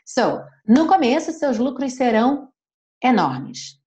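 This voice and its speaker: Lively woman teaching English. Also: high-pitched. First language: Portuguese. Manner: slow careful model readings, quick asides in Portuguese. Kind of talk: bilingual English lesson.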